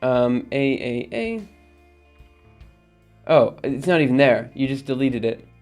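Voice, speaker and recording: With soft music playing behind him, an Alabama livestream host talks slowly and expressively in a medium-pitched, slightly mellow voice. His casual chat with viewers rambles along, full of ums and laughter, as he reads out chat messages and replies.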